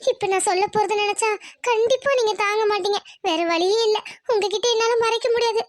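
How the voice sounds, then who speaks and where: A woman's voice: very high-pitched, brisk, no echo, clean studio sound. A woman voicing a scheming young bride-to-be in a cartoon, speaking politely and then muttering sly asides. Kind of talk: Tamil cartoon dubbing with asides.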